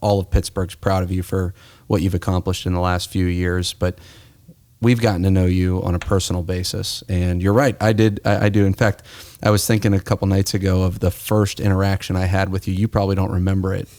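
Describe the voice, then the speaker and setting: An American man hosts a conversational podcast interview, speaking reflectively as if telling a story. His fairly low, darkish voice stays level and moves a little fast. The sound is dry and close, with no room echo.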